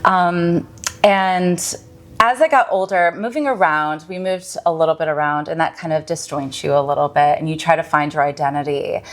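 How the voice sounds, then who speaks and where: Earnest woman guest, lower voice. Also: steady tone, moderate pace. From Michigan, USA. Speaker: podcast guest, mystic and healer. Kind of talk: casual podcast interview.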